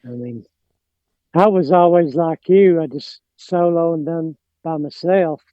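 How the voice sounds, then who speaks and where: Slow-talking man with an Appalachian mountain accent. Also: on the high side, no room sound, muffled recording. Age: middle-aged. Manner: rambling, hesitant, trails off. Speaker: podcast guest, lawn care business owner. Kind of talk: casual chat.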